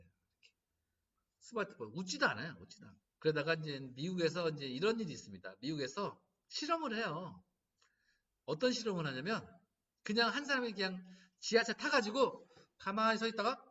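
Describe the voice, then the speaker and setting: Animated man giving a lively lecture. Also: sits high. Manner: animated storytelling, acting out quoted lines. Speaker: laughter therapy lecturer. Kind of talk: humanities lecture. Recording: dull, distant lo-fi recording.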